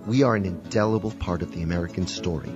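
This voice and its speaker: A male announcer giving a scripted public service ad in measured, declarative phrases, heard taped off the radio. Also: low voice. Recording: dull radio broadcast with music under it.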